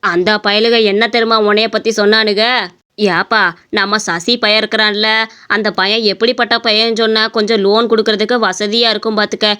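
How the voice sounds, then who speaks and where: A woman voicing a sly, talkative older male moneylender in an animated story, speaking in a drawling, coaxing way. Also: mid-range voice, a little fast, smooth, close to an everyday voice. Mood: scheming.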